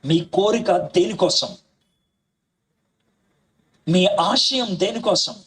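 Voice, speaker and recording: High husky male preacher. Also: very slow, a bit bright, far from the mic. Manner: storytelling, acting out dialogue, urging listeners. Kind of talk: sermon.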